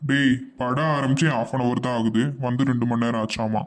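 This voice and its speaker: A man's voice: medium pitch, fairly even intonation, moderate pace, lightly acted. A man voicing a strict, hot-tempered young husband in a Tamil cartoon, with a stern, scolding way of talking. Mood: grumpy.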